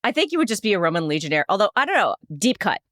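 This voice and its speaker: A woman's voice: mid-range voice, big pitch swings, very fast, fairly bright tone, dry recording, studio quality. A woman chatting informally and playfully as a podcast panelist, using plenty of slang. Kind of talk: casual chat.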